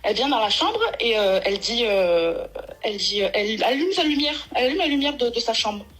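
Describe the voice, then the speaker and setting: A woman's voice: a little high, expressive, a little fast, a bit bright, poor audio. A woman phoning in to tell a long personal story, rambling and emotional, with many restarts. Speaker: caller. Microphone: phone.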